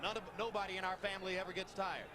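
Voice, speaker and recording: A man's voice: sits high, steady tone, rapid-fire. A man doing live play-by-play boxing commentary in articulate, storytelling phrases. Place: ringside at a boxing arena. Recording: loud arena noise behind voice.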